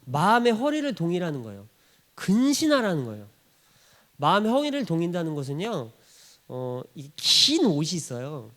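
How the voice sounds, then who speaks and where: A man's voice: fairly high pitch, very animated, normal speed, a bit bright. A male pastor preaching a sermon in a church, acting out quoted voices and laughing often.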